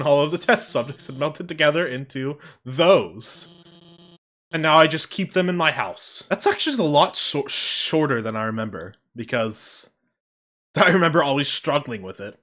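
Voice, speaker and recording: A man streaming a game, joking, swearing and reacting loudly with laughs and yelps. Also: a little high. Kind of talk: casual gameplay commentary. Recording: game music behind the voice.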